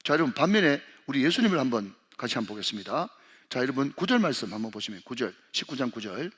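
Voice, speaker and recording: Speaking fast in a sing-song, mid-range voice that's a bit bright and slightly rough, a senior pastor delivers a sermon. Recorded with long hall reverb in a church sanctuary, he talks straight to the congregation and invites them to read along.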